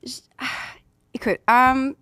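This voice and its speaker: A woman playing a rich young Los Angeles influencer and DJ who speaks halting French with an American accent, dropping English words and valley-girl fillers. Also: high voice, flat delivery, fairly bright tone, clear, resonant tone. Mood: breezy. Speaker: guest. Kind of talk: improvised comedy interview.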